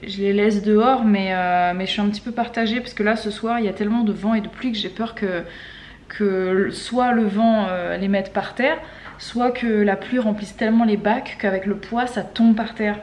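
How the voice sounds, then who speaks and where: A woman's voice: mid-range voice, steady tone, moderate pace, a little mellow. Woman chatting casually in an echoey room. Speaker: vlog co-host. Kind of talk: casual chat. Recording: roomy, echoey indoor sound.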